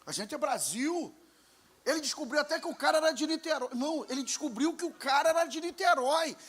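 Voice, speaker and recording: A Brazilian man preaching a fervent sermon as pastor, moving from quiet talk to shouted calls to the congregation. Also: very high-pitched, lively intonation, quick pace. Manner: calls out to the congregation with "irmãos" and "glória".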